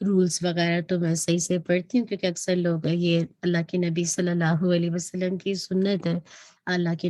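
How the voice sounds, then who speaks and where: A woman's voice: on the low side, darkish tone, no room sound, studio quality. A woman teaching Quran recitation in an online lesson who patiently demonstrates each sound and keeps checking back with her students.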